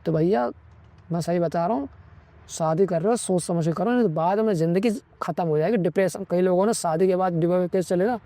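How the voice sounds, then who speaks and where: High-voiced man lecturing bluntly. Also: brisk, dark tone, no echo. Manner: preachy, lecturing, constantly says "ठीक है". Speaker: vlogger. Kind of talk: opinionated advice monologue.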